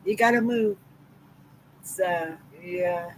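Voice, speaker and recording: A middle-aged woman from Massachusetts, speaking with a Southeastern Massachusetts accent, hosts a livestream in a lowish voice at a very slow pace, warmly chatting with viewers and greeting them by name. The rough recording carries a little hiss or hum.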